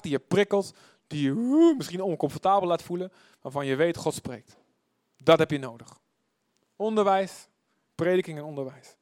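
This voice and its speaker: A man preaching a sermon as pastor. His delivery is emphatic and he repeats words for effect. He swings between loud bursts and hushed, drawn-out phrases. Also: on the high side, dry recording, clean studio sound.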